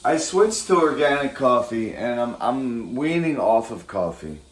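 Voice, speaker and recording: A man's voice: medium pitch, expressive, measured pace. A man rambling casually in a morning vlog, his speech slightly thick from a swollen, bitten tongue. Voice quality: slightly thick, impeded articulation. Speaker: vlogger. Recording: roomy echo, faint background noise.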